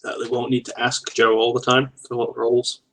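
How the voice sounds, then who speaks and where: A man taking part as a player in a casual tabletop game, slow and often laughing. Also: mid-range voice, monotone, vocal fry, fairly bright tone.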